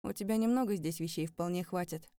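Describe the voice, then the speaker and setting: A woman voicing a calm young man who speaks softly and evenly to his lover, in an audiobook. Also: fairly low pitch, brisk, no echo, lightly acted. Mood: gentle. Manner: soft, even, quiet. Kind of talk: audiobook character voice.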